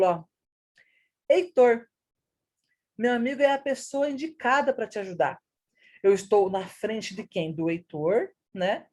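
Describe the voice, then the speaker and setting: A woman's voice: sits high, mellow. A woman, teaching a recorded grammar lesson and explaining patiently with rhetorical questions.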